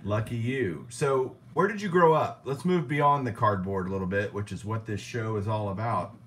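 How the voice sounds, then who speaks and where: A man's voice: fairly low pitch, normal speed, a bit bright. A man hosting a casual live stream interview, friendly, greeting viewers by name as he asks his guest questions. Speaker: host of a live stream show.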